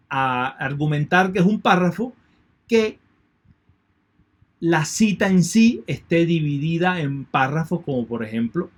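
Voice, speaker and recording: A man teaching an online lecture in a methodical way, repeating key points and thanking his students. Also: on the high side. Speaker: university lecturer.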